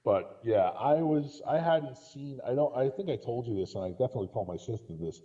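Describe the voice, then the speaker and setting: This man's medium-pitched, warm voice is expressive and fairly quick as he gives his casual, opinionated take on films as a podcast guest. The audio quality is dull and lo-fi.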